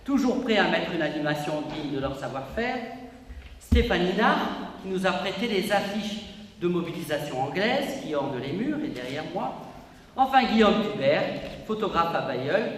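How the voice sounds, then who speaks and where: A man's voice: high voice, big pitch swings, moderate pace. Man giving a declamatory speech in a hall. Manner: declamatory, emphatic public-speaking delivery. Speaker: president of a local history society. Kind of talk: formal inauguration speech. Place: indoor exhibition hall. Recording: echoey hall, voice from a distance, faint room noise.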